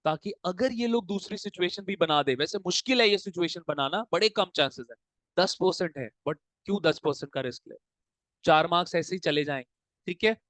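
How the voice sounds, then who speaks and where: A male commerce tutor giving a classroom lecture, drilling students with quick call-and-answer questions in a fatherly way. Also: high-pitched, lively intonation, a bit bright, dry recording, poor audio. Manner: fatherly, calls students "beta". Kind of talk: classroom lecture mixing Hindi and English. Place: coaching classroom.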